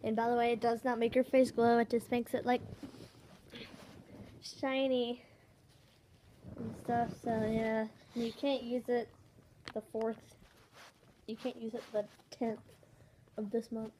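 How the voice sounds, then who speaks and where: A young girl, the host's friend, showing her purchases in a casual bedroom video, halting and repeating words as she talks. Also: a little high, little pitch movement, dark tone, slight background noise. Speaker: guest friend. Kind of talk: casual haul video chat. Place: small bedroom indoors. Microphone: phone camera held nearby.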